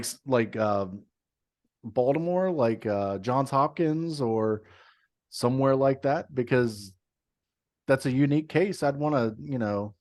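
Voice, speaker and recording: Profane, ranting man on a podcast. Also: mid-range voice. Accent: slight Texas twang. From moved to Texas. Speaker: podcast co-host. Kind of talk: casual chat.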